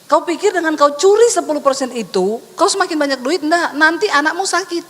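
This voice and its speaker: A woman's voice: high-pitched, expressive, quick pace. A middle-aged woman pastor preaching a sermon, emphatic and teasing, asking the congregation rhetorical questions. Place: church hall. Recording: long hall reverb.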